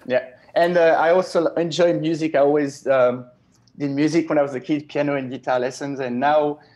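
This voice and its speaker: A man's voice: a little high, brisk. Swiss-born man chatting on a video call. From Switzerland. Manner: relaxed, chatty, enthusiastic. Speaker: guest web developer. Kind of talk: casual video-call interview. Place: small home office with a window. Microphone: earphone headset on a video call.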